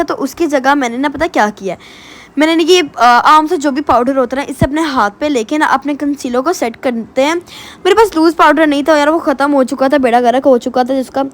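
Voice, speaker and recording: Young woman, high voice, rapid talk, chatty self-mocking makeup voice-over. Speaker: beauty vlogger. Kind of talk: casual get-ready-with-me voice-over.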